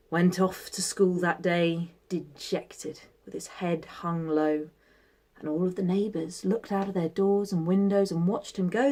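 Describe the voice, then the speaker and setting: A woman telling a folktale expressively, with dramatic pauses and emphasis. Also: medium pitch, a little mellow. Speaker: storyteller. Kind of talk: expressive oral storytelling.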